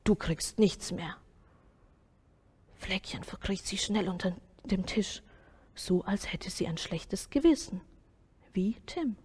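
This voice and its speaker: A woman reading a Sunday school story aloud to children, soft and often sinking to a near whisper. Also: mid-range voice, lively intonation, measured pace, slightly rough.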